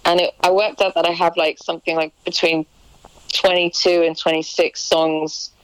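A woman's voice: on the low side, flat delivery, normal speed, clean tone, no echo, low-quality recording. A young woman musician chatting in an interview, hesitant, with many restarts and ums. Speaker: musician guest. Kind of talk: casual interview chat.

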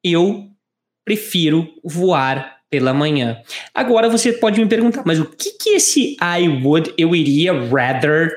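A woman teaching English through Portuguese, pronouncing each model sentence slowly and carefully so it can be repeated. Her voice sits a little low but moves through a wide, lively melody. The room around her has a noticeable echo. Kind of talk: bilingual language lesson with repetition drills.

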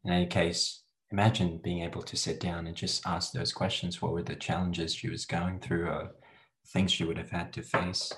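Guy with a super low voice asking interview questions, short friendly prompts. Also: little pitch movement, moderate pace, fairly bright tone. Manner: brief, encouraging prompts.

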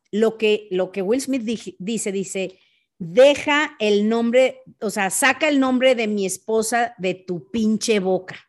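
Chatty Mexican woman telling a story. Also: fairly high pitch. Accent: Mexican Spanish. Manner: animated retelling with sound effects and asides. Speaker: podcast host. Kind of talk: casual storytelling monologue.

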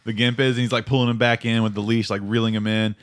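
A man's voice: fairly low pitch, flat delivery, quick pace, dry recording, clean studio sound. A man co-hosting a casual podcast chat, telling rambling, profane stories full of fillers. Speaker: podcast co-host.

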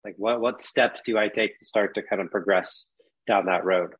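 Husky-voiced male podcast host. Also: on the low side, steady tone, normal speed, a bit bright, low-quality recording. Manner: casual, hedging questions with "kind of" and "um". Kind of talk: interviewing a guest.

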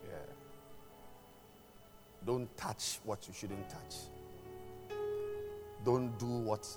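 An older man preaching a sermon in a deliberate way, pausing and repeating phrases for emphasis. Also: medium pitch, steady tone. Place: large church hall during a service. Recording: long echoing hall reverb, music behind.

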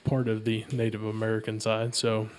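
A married man chatting casually as a co-host, loud and quick to laugh at himself. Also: lowish voice, monotone, background noise. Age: adult, married. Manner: loud, laughing, self-mocking. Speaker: podcast co-host. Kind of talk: casual chat.

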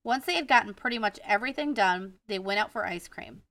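With a Wisconsin accent, a woman co-hosts a laid-back true-crime podcast, reading from her notes, occasionally fumbling names and laughing about it. She speaks briskly at a medium pitch, her intonation lively and her tone bright and forceful. There's no echo, though the mic is distant.

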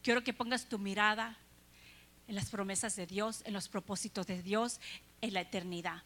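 A woman's voice: medium pitch, fairly even intonation, normal speed, a bit bright. A woman preaching a sermon, earnest, asking her listeners rhetorical questions.

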